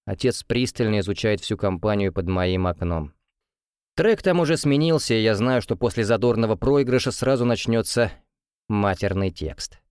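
A man's voice: lowish voice, a little mellow, smooth, no echo. Young man narrating an audiobook, dry sound. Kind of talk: first-person audiobook narration.

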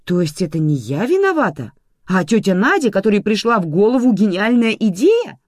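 A woman voicing an angry, bedridden adult daughter in an audiobook, shrill and indignant. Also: very animated, brisk, a little mellow, dry recording, clean studio sound. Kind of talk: audiobook reading.

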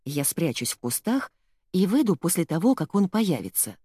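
A woman reading an audiobook, voicing a kind old grandmother who speaks calmly and gently. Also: on the low side, moderate pace, husky, no echo, clean studio sound.

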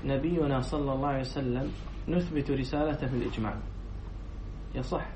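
In an echoey room, a distant, dull mic with faint noise records a man teaching as a sheikh. He reads and explains lines from a text, quizzes his students and repeats their answers, his mid-range voice steady in tone and a little fast.

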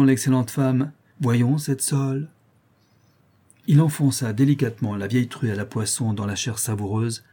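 Male narrator, measured reading, dark and husky tone. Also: medium pitch. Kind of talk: audiobook reading of a classic novel.

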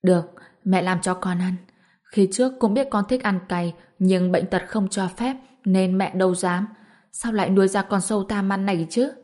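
A woman's voice: medium pitch, moderate pace, darkish tone, natural voice. Woman reading a doting elderly mother. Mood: fond. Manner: anxious, doting questions. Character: elderly mother, fussing and tender. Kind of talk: storybook narration.

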